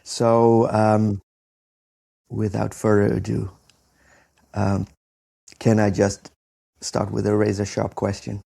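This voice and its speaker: A man hosting his own interview show, his voice low, dark and gravelly. He talks slowly and haltingly, with many ums and restarts. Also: completely flat delivery. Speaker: podcast host. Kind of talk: conversational interview.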